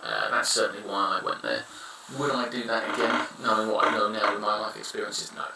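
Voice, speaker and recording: A man in his thirties gives frank, rambling advice in a casual monologue, offering blunt opinions. His lowish voice is a little fast, with vocal fry. He sounds somewhat far from the mic in an echoey room with a noisy background.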